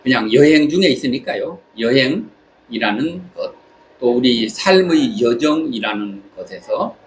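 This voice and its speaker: Halting, reflective man with swooping intonation. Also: medium pitch, expressive. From South Korea. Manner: halting, pausing between short phrases. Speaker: vlogger. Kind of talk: reflective spoken monologue while travelling. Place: on holiday in Southeast Asia. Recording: clear background ambient noise.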